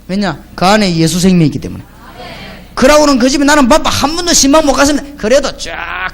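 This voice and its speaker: Animated high-pitched male preacher. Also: fast, creaky. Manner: colloquial storytelling with rhetorical questions to the congregation; emphatic, punchy exclamations. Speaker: pastor. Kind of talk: sermon.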